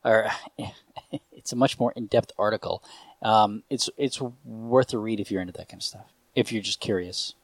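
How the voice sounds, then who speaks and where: A man's voice: lowish voice, moderate pace, creaky, dry recording, clean studio sound. A man hosting a casual podcast chat, thinking aloud and explaining at length. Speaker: podcast host.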